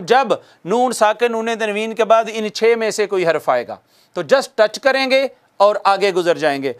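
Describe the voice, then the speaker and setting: A man with a high voice teaches a recorded recitation lesson at an unhurried pace. He keeps repeating each rule, puts questions to his viewers and answers them himself. He slowly stretches out the Arabic examples.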